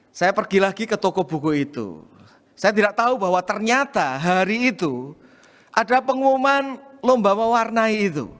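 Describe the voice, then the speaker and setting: A male pastor preaching a sermon, telling a personal story in an animated way and often addressing the congregation directly. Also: sits high, long reverb tail.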